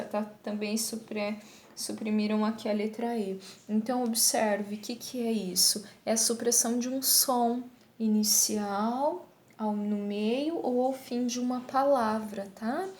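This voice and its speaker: A woman teacher, explaining step by step, checking in with her students and slowing down to read examples aloud. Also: a little high, a little mellow. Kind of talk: recorded online class. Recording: echoey room with faint hiss.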